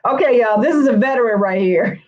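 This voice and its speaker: A woman's voice: on the high side, brisk, lo-fi sound. A woman hair stylist teaching a live online course, chatting with viewers by name and answering their comments. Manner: chatty, addresses viewers by name, says y'all.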